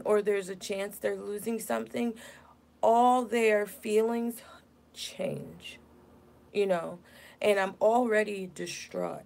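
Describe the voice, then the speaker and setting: A woman in her thirties venting indignantly on a casual livestream, upset and near tears. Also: mid-range voice. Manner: indignant, venting, reads chat aloud. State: upset, tearful. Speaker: vlogger.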